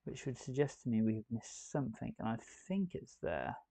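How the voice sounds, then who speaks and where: A man's voice: medium pitch, sing-song, moderate pace, vocal fry, mellow, no room sound. A man hosting a live building stream, chatting and thinking aloud as he works. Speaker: host.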